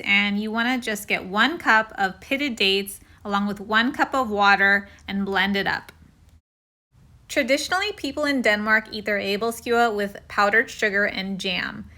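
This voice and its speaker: Bright-voiced woman teaching a recipe. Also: on the high side. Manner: friendly step-by-step instructions. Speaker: cooking video host. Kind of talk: casual cooking tutorial.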